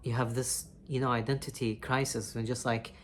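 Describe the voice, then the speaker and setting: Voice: medium pitch, little pitch movement, moderate pace, a little hiss or hum. A person talking straight to camera in a candid confessional vlog, rambling and heartfelt, swearing freely and often restarting sentences. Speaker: vlogger.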